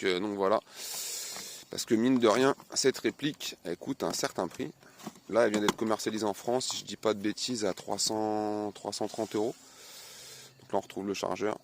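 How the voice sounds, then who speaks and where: A man casually unboxing and reviewing a replica pistol, chatty and animated, reading off specs with many fillers. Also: lowish voice, normal speed, creaky, a little hiss or hum. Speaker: airsoft unboxing vlogger.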